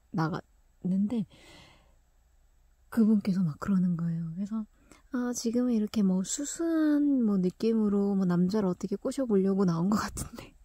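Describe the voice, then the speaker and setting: A woman's voice: mid-range voice, mellow, husky, no room sound. A young woman telling a personal story in a chatty way, laughing often and dropping into whispered asides.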